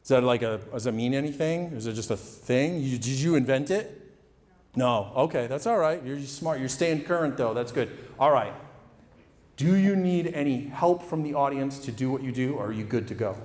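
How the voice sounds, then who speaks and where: A man working as a stage hypnotist and host, bantering off the cuff with volunteers in a halting way, often repeating phrases. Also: mid-range voice, lively intonation, darkish tone. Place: indoor college stage show with audience. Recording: echoey hall PA with noisy background.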